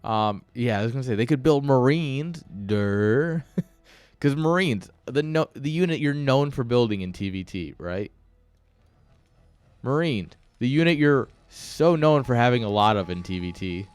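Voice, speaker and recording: A man's voice: medium pitch, lively intonation, moderate pace, clear, resonant tone, no echo, faint music behind. A man giving casual esports commentary with joking, sarcastic asides.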